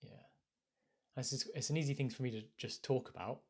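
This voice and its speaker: A man's voice: mid-range voice, brisk, a little mellow. A British man from the UK, a life coach talking casually on a phone live stream, thoughtful and hesitant, often restarting his phrases. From United Kingdom.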